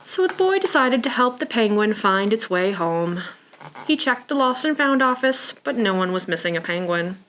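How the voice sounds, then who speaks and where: Speaking a bit high at a normal speed, this woman presents storytime as a children's librarian, reading picture books to preschoolers. She keeps her wording simple and child-directed, adding sighs, gasps and exclamations. There's a little hiss or hum, and the audio is poor.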